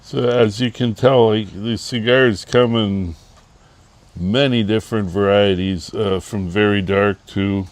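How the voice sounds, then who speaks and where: Relaxed lower-voiced man chatting outdoors. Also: measured pace, dry recording. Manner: relaxed, explains with many fillers. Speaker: co-host of a cigar review channel. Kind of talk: casual chat.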